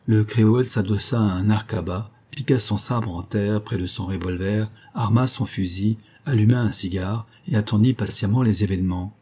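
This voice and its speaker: A man narrating a novel in a steady, measured reading. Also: on the low side, husky. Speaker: audiobook reader.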